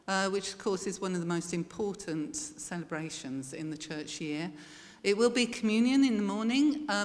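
Woman, lower voice, chatty informal church notices, long hall reverb. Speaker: church leader giving notices.

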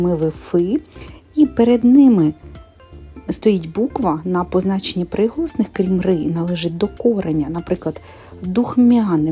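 A woman's voice: mid-range voice, warm tone, slightly rough. Woman teacher spelling out sounds carefully. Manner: slow, careful enunciation of sounds and syllables. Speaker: primary school teacher. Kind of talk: methodical teaching explanation.

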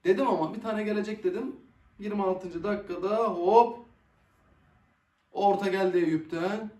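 Excitable young man reacting to football. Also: high voice, moderate pace, far from the mic. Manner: excitable, swears and groans at missed chances. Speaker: football reaction video host. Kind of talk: casual live match reaction. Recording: echoey room, voice a bit off-mic.

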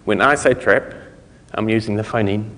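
A middle-aged man giving an informal conference lecture, explaining things in a halting way with trailing thoughts. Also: on the low side, a bit bright, a little hiss or hum. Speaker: conference speaker. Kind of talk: technical lecture to an audience. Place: conference lecture room, indoors. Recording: reverberant hall recording.

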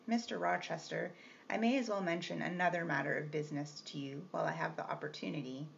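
A woman's voice: low voice, steady tone, fast, gravelly. A woman reading the part of a composed young governess, polite but firm and restrained. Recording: slightly muffled with faint hiss.

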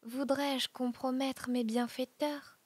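A woman voicing a wounded young stranger in hiding, in a hushed whispered role-play. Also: high-pitched, little pitch movement, slow pace, no room sound, full character voice. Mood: pleading. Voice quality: breathy, hushed.

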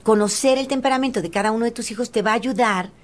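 A woman's voice: a little high, quick pace. A middle-aged woman with a Mexican accent hosting a radio advice talk, speaking to mothers directly in a motherly, counseling way. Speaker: radio host.

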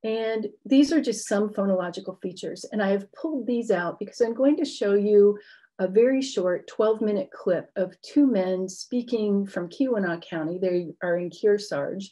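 A woman's voice: mid-range voice, moderate pace, mellow. A middle-aged woman giving an explanatory academic lecture with informal asides, speaking into a computer mic. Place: indoor book-lined room at home.

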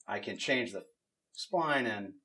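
A middle-aged man casually walking through a software tool demo in an office, explaining as he goes with frequent fillers. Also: lowish voice, lively intonation, slow pace. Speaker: game studio technical artist demonstrating tools. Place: office at a desk with monitors.

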